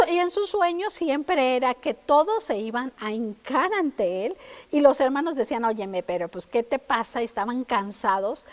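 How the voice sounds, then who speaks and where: A woman delivers a sermon in a high, bright voice. She tells her story and keeps turning to the congregation with questions. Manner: storytelling, addresses listeners with questions. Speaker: preacher.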